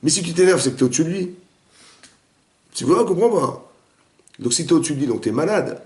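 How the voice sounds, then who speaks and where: A man, a rabbi, giving a lively interactive Torah class, quizzing his students and acting out the dialogue. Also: a little high, fairly quick. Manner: animated, questions the students, acts out dialogue. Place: echoey room with students. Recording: roomy echoey room recording.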